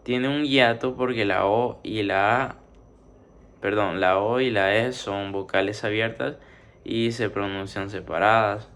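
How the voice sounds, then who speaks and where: A man teaching a spoken grammar lesson, methodically working through numbered exercises and drawing out syllables as he splits words. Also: on the low side. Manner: steady explaining, drawn-out syllables.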